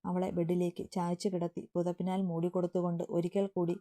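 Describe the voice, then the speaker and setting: A woman narrating a romantic family story in a steady, emotive storytelling manner. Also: on the low side, fairly quick.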